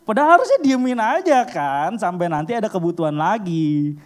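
A man giving a casual storytelling sermon, acting out little scenes with sudden leaps in pitch. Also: brisk. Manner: animated, acts out little scenes with sudden high jumps in pitch.

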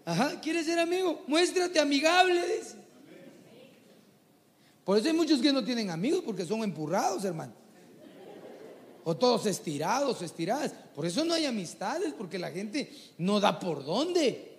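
A man preaching a folksy, animated sermon to a church congregation. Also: high voice, moderate pace, long pauses, long reverb tail. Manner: animated, folksy, mimics people he talks about.

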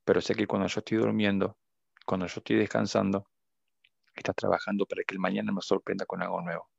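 Young Argentine man, deep flat gravelly voice, earnest testimony, dull lo-fi audio. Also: fast talker, no room sound. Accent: Argentine Spanish. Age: young adult. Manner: earnest, emotional, reflective. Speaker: guest. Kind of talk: heartfelt faith testimony.

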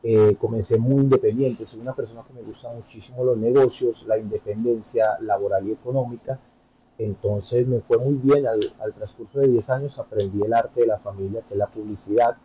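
A Colombian man in his thirties, a podcast guest telling his story in a relaxed way with many hesitant fillers. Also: on the low side, a little fast, husky, highs cut off. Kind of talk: conversational interview storytelling.

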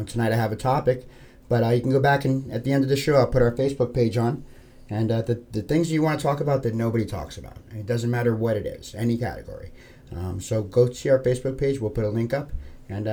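A man's voice: mid-range voice, fast talker, dark tone. An American man from New York hosting a podcast, talking informally to listeners in an earnest, personal and plain-spoken way. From New York, United States. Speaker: podcast host.

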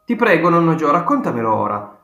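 A man's voice: mid-range voice, sing-song, brisk, fairly bright tone. A man voicing a polite, curious little boy who asks eager, wondering questions, in a roomy audiobook recording with faint guitar music.

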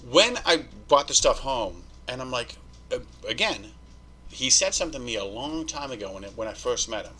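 A man with a mid-range, slightly breathy voice speaks at a normal pace on a low-quality recording. He's a podcast guest recounting a story in casual, foul-mouthed talk, animatedly performing the dialogue of people he quotes.

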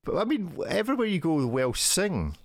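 A man's voice: on the high side, sing-song, fairly quick, dry recording, clean studio sound. A man hosting a casual podcast chat, teasing his guests and laughing often. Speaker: podcast host.

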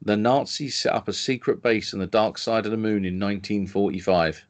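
A man's voice: fairly low pitch, steady tone, a little fast. Enthusiastic man, co-hosting a podcast. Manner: enthusiastic, stumbling over restarts. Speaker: podcast co-host reviewing films. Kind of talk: casual chat.

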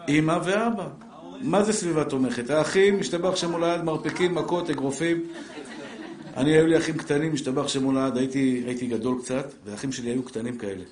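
A middle-aged man leads a religious class before a live audience. His voice sits somewhat high, and he is lively and joking as he speaks straight to his listeners and acts out little family scenes. The recording carries the echo of the room. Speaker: Torah teacher. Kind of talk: live Torah lesson to an audience. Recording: echoey room.

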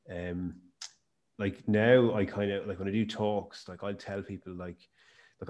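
Deep-voiced man with west of Ireland accent. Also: a little mellow. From County Mayo, west of Ireland. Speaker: podcast guest, health and performance speaker. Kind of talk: conversational interview storytelling.

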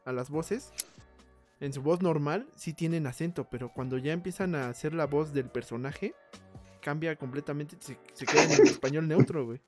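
A young Mexican man in casual chat, animated and quick to chime in. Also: fairly high pitch, soft background music. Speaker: podcast co-host.

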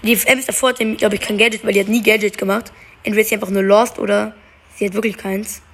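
A young woman chatting casually while playing a game, excitable and slangy, cursing when things go wrong. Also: medium pitch, quick pace, slightly rough. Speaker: gamer. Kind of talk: casual gaming chat. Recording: faint background noise.

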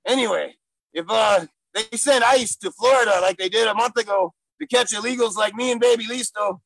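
A man puts on a gruff male gorilla stand-up comic with a gravelly, rough voice. He talks in broken English, bragging and silly, with loud bursts on the jokes. The sound is close and dry. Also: high voice, fairly quick, dry recording, heavily acted, low-quality recording. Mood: boastful. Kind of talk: improvised comedy character interview.

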